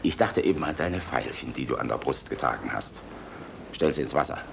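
Voicing a gruff, fatherly general in a German radio play, the older man blusters and philosophizes, alternating between barks and tender moments with a weary air. The pitch is extremely low, and the delivery is animated, fairly quick, and a full character voice, with a little hiss or hum. His mood is casual and teasing.

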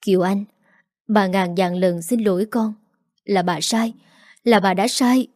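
A woman's voice: medium pitch, fairly even intonation, measured pace, darkish tone, no echo, studio quality, natural voice. A woman voicing a weeping old grandmother. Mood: remorseful. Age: older. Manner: tearful, pleading apologies. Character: remorseful weeping grandmother near seventy.

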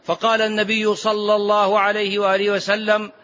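High-pitched male preacher, formal Arabic, muffled recording. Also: completely flat delivery, fairly quick, a bit bright. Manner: formal Standard Arabic mixed with colloquial question-and-answer asides; didactic, repeats phrases and quizzes listeners. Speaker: preacher teaching before congregational prayer. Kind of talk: religious lesson, explaining scripture. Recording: muffled, dull lo-fi lecture recording.

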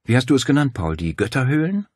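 A young policewoman speaks briskly and skeptically, with a dry wit, voiced by a man with his pitch raised. The voice is husky and lively. The sound is dry and close. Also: dry recording. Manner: brisk, skeptical, matter-of-fact. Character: police officer, young woman, determined and dry-witted.

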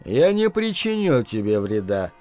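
A man reading an audiobook, voicing a small-time gangster who speaks curtly in a low, controlled voice. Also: expressive, takes it slowly, a little mellow, faint music behind. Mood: menacing. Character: menacing small-time male gangster, curt.

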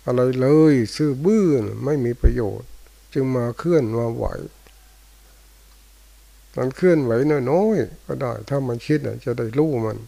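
An older male Buddhist monk, giving a dharma talk in short, unhurried phrases with pauses. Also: medium pitch, expressive, creaky, mellow, low-quality recording. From Thailand. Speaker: monk teacher. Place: monastery hall after morning chanting.

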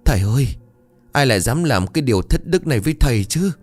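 A man's voice: mid-range voice, animated, fast, darkish tone, faint music behind, pitched above the performer's own voice, lightly acted. A man voicing a grieving lady of the house who wails and sobs. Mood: wailing. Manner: wailing, sobbing.

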